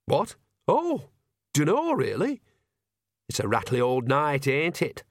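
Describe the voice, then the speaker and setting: A man's voice: fairly high pitch, huge pitch swings, slow pace, no echo, studio quality, pitched above the performer's own voice, heavily acted. A man voicing an earthy, cheerful old woman witch in an audiobook, blunt and teasing in a homely way.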